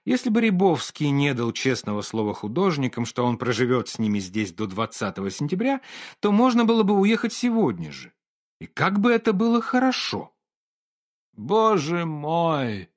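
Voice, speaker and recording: A man's voice: a little high, brisk. A man reading a classic story aloud as the narrator, in a theatrical style. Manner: theatrical, expressive. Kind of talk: expressive literary audiobook reading.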